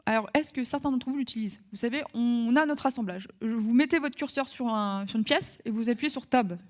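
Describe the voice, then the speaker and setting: A woman giving a live software training webinar, talking through steps with many fillers and restarts. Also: on the high side, a little fast.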